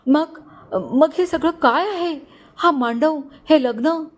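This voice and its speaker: A woman's voice: sits high, measured pace, pitched above the performer's own voice. A woman voicing a desperate young bride who pleads tearfully with her groom in a storybook reading. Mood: bewildered.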